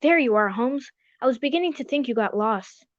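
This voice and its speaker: Woman acting as high-voiced, genteel Doctor Watson. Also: expressive, a little fast, dull audio, close to an everyday voice. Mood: mildly exasperated. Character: genteel doctor, the detective's protective, mildly exasperated friend. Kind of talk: radio drama acting.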